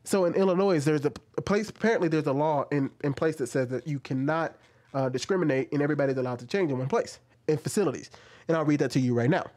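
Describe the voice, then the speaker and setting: A man in his thirties hosts casual commentary from a small room at home, speaking into a studio mic on an arm while wearing headphones. His fairly high voice moves fast, with animated, questioning emphasis.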